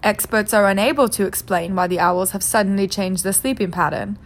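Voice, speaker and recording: A woman's voice: medium pitch, a little fast, lightly acted. A woman voicing a male television newscaster who reads the evening news in a formal broadcast manner.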